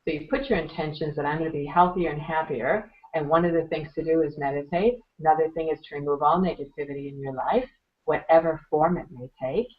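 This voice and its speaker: A low-pitched woman whose voice is going hoarse speaks as a guest in an interview. She talks in an earnest, motivational way and clears her throat now and then. The recording is a little dull and muffled. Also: fairly quick. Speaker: interview guest, meditation teacher. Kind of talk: conversational advice-giving.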